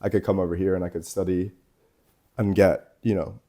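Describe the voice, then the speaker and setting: Very deep-voiced young man from Scotland. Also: level tone, brisk, mellow. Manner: loose, rambling, heavy on "like" and swearing. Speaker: guest artist. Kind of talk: casual chat. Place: tattoo shop.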